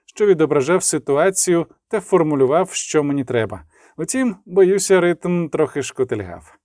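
A man reading an audiobook as narrator, with lively dramatic emphasis and the dialogue lines voiced. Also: fairly high pitch, no echo, clean studio sound. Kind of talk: scripted narration.

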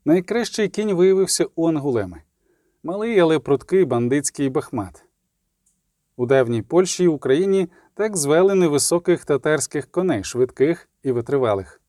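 A man reading an audiobook in a steady, measured way, adding short explanatory notes. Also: fairly high pitch, no room sound, studio quality. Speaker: audiobook reader. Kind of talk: audiobook narration.

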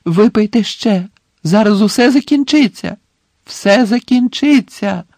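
Casual: guy doing a desperate teen wizard yelling, high pitched, breathless, dry mic. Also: animated, measured pace, no echo, heavily acted. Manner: shouting, urgent and breathless. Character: frantic teenage boy wizard, desperate.

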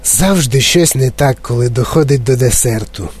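Soft sighing candy maker guy from a storybook, man reading it, kinda rueful. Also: a little high, lively intonation, normal speed.

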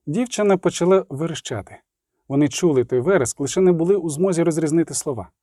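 A man reading a story aloud as narrator, in a measured, expressive way, close to the mic. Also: fairly high pitch, dry recording. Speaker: audiobook narrator. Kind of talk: scripted narration.

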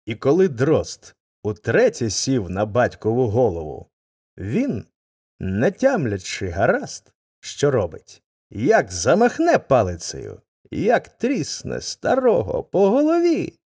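Чоловік неспішно читає народну казку, дуже виразно, з широкими злетами й спадами інтонації. Голос хрипкуватий, звук сухий і близький. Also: male voice, medium pitch, slow, breathy edge, dry recording, studio quality. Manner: expressive, dramatic intonation. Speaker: narrator. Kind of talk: storybook reading.

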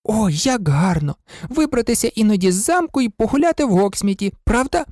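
An audiobook reader voicing an earnest know-it-all teenage girl who talks quickly and insistently. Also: medium pitch, expressive, darkish tone, dry recording, clean studio sound, voice pushed up, natural voice. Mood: eager. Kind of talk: audiobook character reading.

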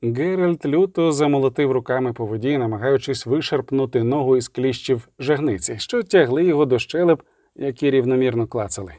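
A man narrating an audiobook with vivid, measured storytelling. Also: mid-range voice, mellow, no room sound, studio quality.

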